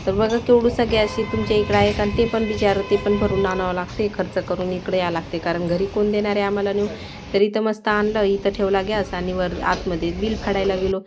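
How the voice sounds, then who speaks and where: A woman's voice: mid-range voice, level tone, a little fast, over loud music. A woman vlogger narrating in a chatty, folksy way while filming outdoors by a road on her phone. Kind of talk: casual vlog narration. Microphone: phone camera. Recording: loud traffic noise outdoors. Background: passing vehicles and rain.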